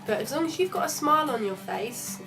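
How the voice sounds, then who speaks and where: A woman's voice: high-pitched, lively intonation, fairly quick, gravelly, music in the background. Chatty young woman. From London. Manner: chatty and candid, with frequent restarts. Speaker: travel vlogger. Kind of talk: casual travel vlog narration.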